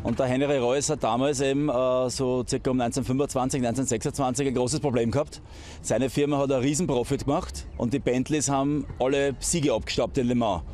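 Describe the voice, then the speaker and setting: A man's voice: medium pitch, steady tone, fast talker, a little mellow, a little hiss or hum. A man in an outdoor interview, chatting casually about the history of an old car, with some fillers. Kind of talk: casual explanation.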